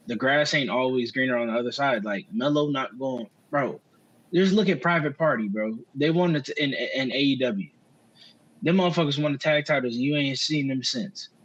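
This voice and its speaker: A man's voice: mid-range voice, fairly bright tone, dull audio. A man co-hosting a podcast, talking wrestling in a casual, slangy way and swearing freely. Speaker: podcast co-host.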